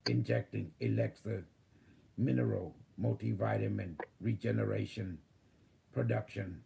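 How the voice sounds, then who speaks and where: A man voicing a calm future AI healer that speaks in slow, gentle machine announcements. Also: on the low side, gravelly. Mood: robotic, caring. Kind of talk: spiritual channeling session.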